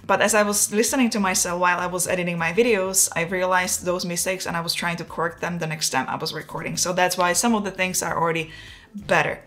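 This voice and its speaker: This fast-talking Czech woman in her forties has a voice on the low side and a Czech accent, chatting casually as a photography vlogger and laughing at herself. She's relaxed and gestures with her hands during the talking-head video, filmed in a home studio indoors and captured on a wireless lapel mic.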